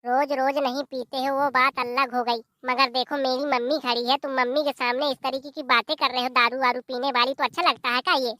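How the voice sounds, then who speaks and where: A performer voicing a stern, sharp-tongued young wife. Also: sits high, flat delivery, brisk, hardly any pauses, dry recording. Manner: stern, threatening.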